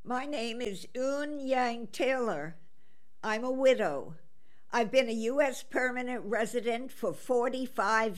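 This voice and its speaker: A woman in her sixties playing a widowed grandmother convicted of sharing pills, speaking in a plain, measured way. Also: fairly high pitch. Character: older widowed grandmother facing drug charges.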